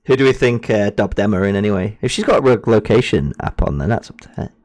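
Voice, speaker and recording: A man's voice: on the low side, animated, fast, a little mellow. Playful man streaming a truck game. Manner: playful, teasing, breaks into silly sing-song noises. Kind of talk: casual gameplay chat with a co-player.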